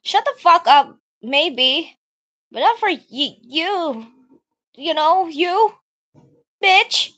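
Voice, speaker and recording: A shrill, snappy tsundere schoolgirl, put on by a woman reading a visual novel aloud, stammering as she denies everything. The voice jumps high and loud and swings wildly. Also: expressive, normal speed. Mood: defensive. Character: bratty tsundere schoolgirl baker, defensive.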